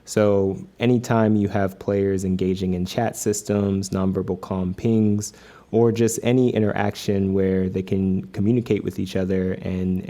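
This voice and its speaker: A man guesting on an interview, speaking in a low, dark, mellow voice. He explains things earnestly, scattering "like" and "you know" through his sentences. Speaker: game designer guest. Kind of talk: casual interview.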